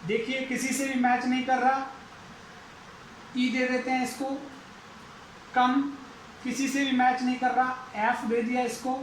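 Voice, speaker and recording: A man's voice: very high-pitched, monotone, unhurried, pauses often, roomy sound, a little hiss or hum, low-quality recording. A man teaching an English lesson, going through it methodically and repeating each step aloud. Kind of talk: explaining a lesson.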